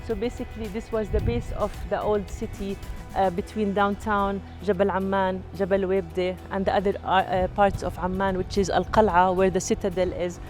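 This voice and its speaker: A woman's voice: medium pitch, level tone, moderate pace, a little mellow, faint music behind. A woman from Jordan giving a walking tour of her home city outdoors, talking with many fillers and restarts. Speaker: heritage documenter and guide.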